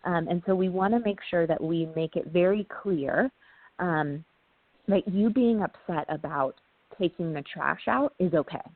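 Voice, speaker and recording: A woman guest speaking as a parenting trainer, explaining casually, often pausing on "um" and checking in with "right?". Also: on the low side, no room sound. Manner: talks through ideas with frequent "um" and tag "right?". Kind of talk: casual explanatory interview talk. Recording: tinny phone-like line, dry.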